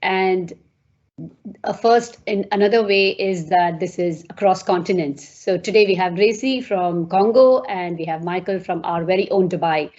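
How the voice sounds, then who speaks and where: A woman's voice: on the low side, normal speed, highs cut off. A woman hosting an interview over a video call, effusive and full of fillers. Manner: warm, effusive, frequent fillers. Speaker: host.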